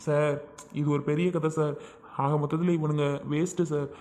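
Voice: medium pitch, flat delivery, moderate pace, mellow, slight background noise, lightly acted. A performer playing an irritated young office worker who complains and begs his boss to throw troublemakers out. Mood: exasperated.

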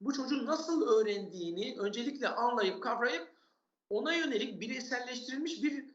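High-voiced man, echoey, dull remote audio. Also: expressive, a little fast, a bit bright. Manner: earnest, explains with listed examples, repeats for emphasis. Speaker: expert guest on parenting and learning. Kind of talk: explanatory interview answers.

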